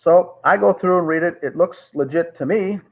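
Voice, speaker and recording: Heard through tinny call audio, this man's voice sits on the high side and runs at normal speed. As an interview guest he rambles through a long story, stumbling over many "uh" fillers and restarting his sentences.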